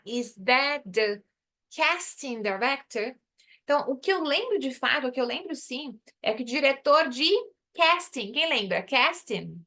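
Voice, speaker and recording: Female English teacher, fairly high voice, patient explainer who drills phrases aloud. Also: a bit bright. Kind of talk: online language lesson.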